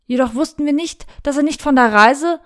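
A woman's voice: high-pitched, fairly quick, a bit bright, pitched above the performer's own voice. A woman voicing a frantic young knight. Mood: urgent. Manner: urgent, anxious pleading. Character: young male knight, panicked, earnest.

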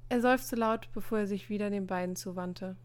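A woman reading a story aloud as narrator, telling it in a lively way. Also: medium pitch, moderate pace. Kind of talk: audiobook reading.

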